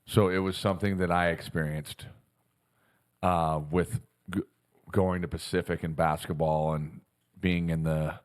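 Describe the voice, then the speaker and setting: A man's voice: low voice, unhurried, clean tone. A middle-aged man co-hosting a podcast, telling stories in casual chat and laughing as he goes. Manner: animated storyteller, laughs through stories. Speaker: podcast co-host.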